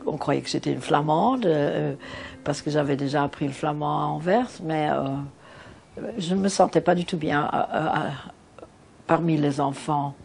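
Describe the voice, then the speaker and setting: A woman's voice: sits low, fairly even intonation, normal speed, gravelly, darkish tone. An older woman hesitantly recalling her unhappy childhood as a hidden child. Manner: hesitant, many fillers. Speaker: interviewee, former hidden child. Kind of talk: recalled testimony.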